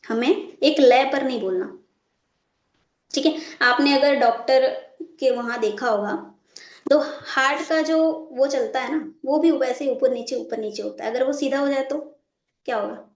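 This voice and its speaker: A woman's voice: high-pitched, unhurried, reverberant, dull audio. A woman running a live online training session, stopping again and again to check that her class is following and repeating her points. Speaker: network marketing trainer.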